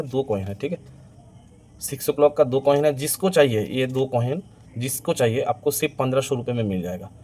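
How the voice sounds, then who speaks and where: A man with a slightly mellow voice, an online coin seller, pitches his stock to camera for viewers with eager, repetitive teleshopping-style hard selling. The amateur recording is clearly noisy, full of ambient sound.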